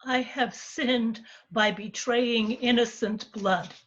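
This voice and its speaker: A woman's voice: a little high, steady tone, takes it slowly. A woman reading the part of a male betrayer in a church Passion reading, on slightly dull audio. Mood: remorseful.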